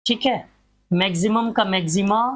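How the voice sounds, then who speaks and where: Slow, drilling grammar teacher, woman. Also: mid-range voice. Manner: repetitive drilling, rhetorical questions, slowly spelled-out examples. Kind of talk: classroom grammar lecture.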